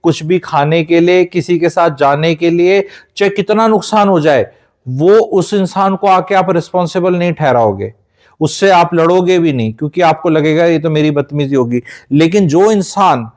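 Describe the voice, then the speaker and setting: A man's voice: a little high, moderate pace, a little mellow. A man from India giving life advice in an emphatic, lecturing way, dropping English phrases into his talk.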